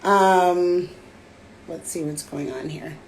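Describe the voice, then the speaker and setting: A woman hosting a casual livestream chat, her raspy voice slightly hoarse from a cold, talking in a relaxed, chatty way with frequent fillers into a phone. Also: lowish voice, takes it slowly, slight background noise. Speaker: host. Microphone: phone on a live stream.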